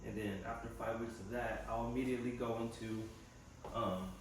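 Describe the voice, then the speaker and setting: A young man's mid-range voice, with fairly even intonation and a normal speed, drifts through a casual personal vlog as he reflects and rambles aloud. He's a vlogger and a physical therapy assistant student. The recording is distant, in an echoey room with faint noise.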